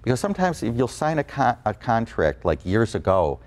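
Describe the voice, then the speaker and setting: A man's voice: mid-range voice, sing-song, brisk. A man speaking as an attorney guest in an interview, explaining things informally in plain words, repeating for emphasis.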